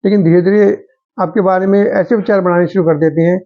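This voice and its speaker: Male motivational speaker, lighter high voice, earnest advice-giving tone, muffled lo-fi sound. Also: fairly even intonation, fairly quick. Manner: earnest, advisory, addresses listeners as friends. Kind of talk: motivational talk to viewers.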